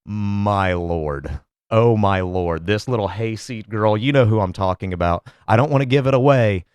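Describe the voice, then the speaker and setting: A man's voice: lowish voice, normal speed, a little mellow, clean tone, no echo. A man hosting a solo podcast, talking in a sarcastic, profane, rambling way. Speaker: podcast host. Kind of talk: casual solo podcast commentary.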